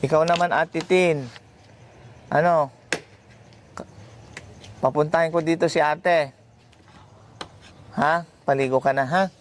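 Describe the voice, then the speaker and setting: Male vlog host, slow and soothing, noisy outdoor-type backdrop. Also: fairly high pitch, steady tone. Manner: gentle, repetitive coaxing questions. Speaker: vlogger host. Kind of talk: casual vlog chat, coaxing questions. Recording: noisy background.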